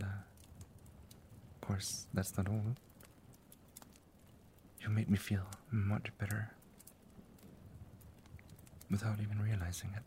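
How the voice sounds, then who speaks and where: Man playing a loving dragon partner, low gravelly voice, slow and whispered, faint typing behind. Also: a little hiss or hum. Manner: soft and whispery, tender. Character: affectionate doting male dragon lover. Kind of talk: ASMR roleplay.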